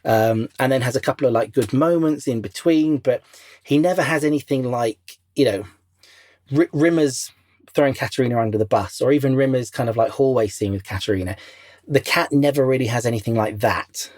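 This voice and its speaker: A man speaks casually as a podcast guest, circling his points with fillers and restarts. His voice sits at a middle pitch. The recording is dry and close, with no room sound. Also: fairly quick, darkish tone, no room sound. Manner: rambling, many fillers and restarts. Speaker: interview guest, former crew member.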